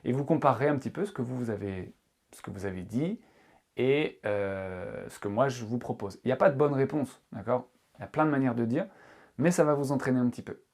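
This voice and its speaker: A man at a mid pitch talks his viewers through a lesson and keeps stopping to hunt for words. He sounds friendly and encouraging as he goes. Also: fairly quick, darkish tone. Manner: hesitant, many fillers and restarts. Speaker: English teacher. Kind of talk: casual video tutorial.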